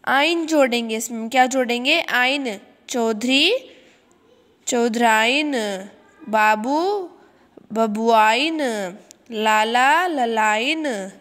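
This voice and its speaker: A woman teaching a grammar lesson in a high voice, going slowly through each example and checking in with her listeners. Her voice rings with a long reverb, as if in a bare hall. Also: a bit bright. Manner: explains step by step, repeats words and checks with "ठीक है".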